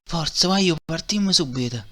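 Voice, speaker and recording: Anime parody hero, male actor, Neapolitan, young and earnest, tense bright tone, urgent delivery. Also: on the high side, animated, moderate pace. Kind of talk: amateur parody dub of an anime in dialect.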